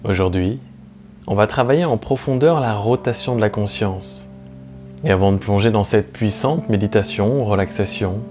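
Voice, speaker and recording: A meditation teacher, a man with a lowish voice, guides a relaxation session slowly and calmly, his phrasing soothing and measured with long pauses. Soft plucked guitar music plays behind him.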